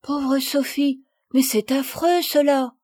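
A woman's voice: high voice, fairly even intonation, slow, dark tone, no echo, voice pushed up. A woman voicing a pampered little girl who pleads and exclaims in a storybook reading. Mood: indignant.

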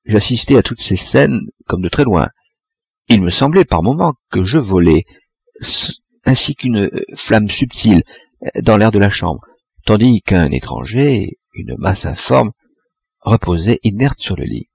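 Gravelly male audiobook narrator. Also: fairly low pitch, dry recording. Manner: measured, expressive reading. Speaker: audiobook reader.

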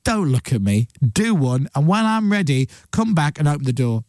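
A man's voice: on the high side, sing-song, moderate pace, a little mellow, dry recording, studio quality. A man voicing an aloof, bossy house cat that gives curt, dismissive orders. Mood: disdainful.

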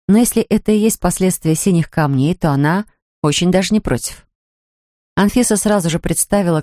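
A woman narrating an audiobook in an even storytelling manner. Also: sits low, no echo, clean studio sound. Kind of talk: scripted narration.

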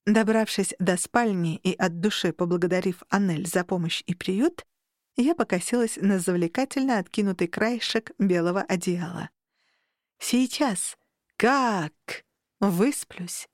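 Expressive woman audiobook narrator. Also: medium pitch, normal speed, dry recording, clean studio sound. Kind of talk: first-person audiobook narration.

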